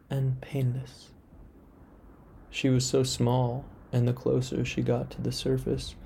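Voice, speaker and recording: A man telling an absurd first-person story in a deadpan, mock-solemn way. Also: medium pitch, gravelly.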